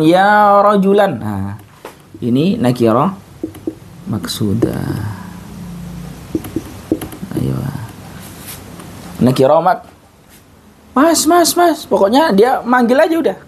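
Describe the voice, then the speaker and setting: A male teacher with a fairly high, darkish voice and a breathy edge gives an informal, repetitive grammar lesson that was recorded. He speaks casually, classroom-style, using tags like "ayo" and "gitu", and often stops mid-word to start again.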